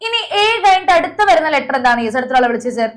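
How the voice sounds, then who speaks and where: Young woman teacher, high bright voice, online class, coaxing students by name, video call sound. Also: lively intonation, racing.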